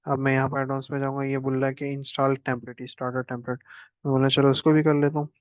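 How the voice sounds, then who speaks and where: A man's voice: mid-range voice, monotone, normal speed, no echo, lo-fi sound. A man teaching a casual screen-share computer lesson, chatting and joking as he clicks through steps. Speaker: instructor.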